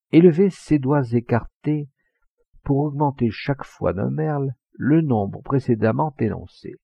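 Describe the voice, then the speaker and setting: Male audiobook reader, slow and expressive, gravelly husky voice. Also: medium pitch, dry recording. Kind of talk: audiobook narration of a classic novel. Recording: dull lo-fi recording.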